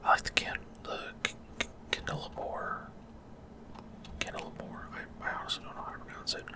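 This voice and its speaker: Speaking close to the mic in an unvoiced whisper, a gaming video host offers casual, halting ASMR commentary on his gameplay, explaining things as he plays.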